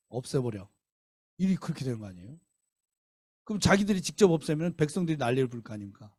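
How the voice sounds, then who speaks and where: A man preaching a revival sermon in a church, telling the story with lively rhetorical questions. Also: medium pitch, no echo, studio quality. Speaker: guest missionary preacher. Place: church sanctuary.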